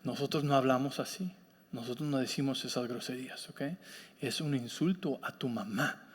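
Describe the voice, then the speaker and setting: Un pastor imitando a un padre tranquilo de acento mexicano que habla bajito, con eco de iglesia. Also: male voice, medium pitch, normal speed, voice pushed down, lightly acted. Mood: gentle. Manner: soft, hushed, patient. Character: calm gentle father correcting his young son. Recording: long reverb of a church hall.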